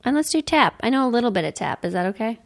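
A woman with a smoky, raspy voice chats casually as a podcast guest. She is easygoing and agreeable, and the recording is dry with very little room sound. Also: fairly high pitch, sing-song, racing, no room sound. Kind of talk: casual chat.

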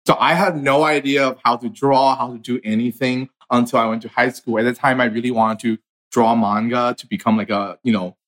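A man's voice: medium pitch, a bit bright. A man in his thirties from China, an artist and designer, telling his story earnestly in a casual conversation. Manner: earnest, storytelling, frequent fillers.

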